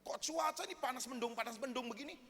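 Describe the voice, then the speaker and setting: A pastor putting on a huffy Ambonese farmer. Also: male voice, extremely high pitch, fast talker, slight background noise. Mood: indignant. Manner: complaining loudly at God. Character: grumbling Ambonese clove farmer man. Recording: echoey church hall.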